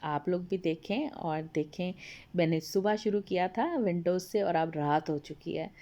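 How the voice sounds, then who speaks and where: A slightly hoarse woman giving a chatty, homely voice-over for her home video, addressing viewers politely. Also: on the low side, normal speed, dark tone, muffled recording. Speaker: home vlogger. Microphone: voice-over recorded apart from the video.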